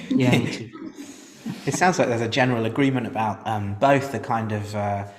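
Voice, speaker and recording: A man's voice: medium pitch, moderate pace. A man hosting a panel discussion, summarizing with hesitant fillers. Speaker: panel host. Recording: long hall reverb.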